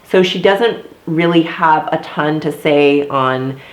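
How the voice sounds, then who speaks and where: A woman in her thirties from Florida, a former theme park performer, chats casually to camera in a talking-head vlog, full of fillers and asides. Her low voice sounds slightly congested and nasal, and she speaks slowly in an echoey room.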